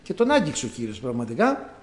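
A man's voice: medium pitch, wildly swooping pitch, darkish tone, reverberant. A male preacher giving a sermon, telling stories dramatically and acting out the quotes. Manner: dramatic storytelling with acted-out quotes.

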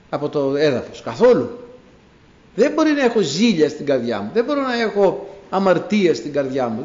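A man preaching a sermon to his congregation, telling biblical stories with animated storytelling and acted-out dialogue. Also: fairly high pitch. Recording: echoey room, dull lo-fi sound.

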